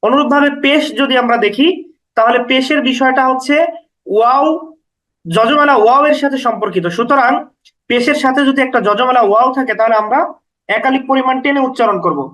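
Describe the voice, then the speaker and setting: High bright-voiced man teaching recitation. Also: brisk, low-quality recording. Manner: patient, repetitive, drawing out example sounds. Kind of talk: step-by-step lesson explanation.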